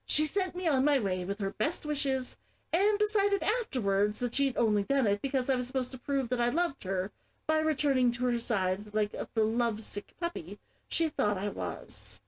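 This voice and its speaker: A woman's voice: a little high, animated, normal speed, close to an everyday voice, poor audio. A woman reading the lines of a guarded, weary man who fled servitude, in a storybook narration. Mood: bitter, weary.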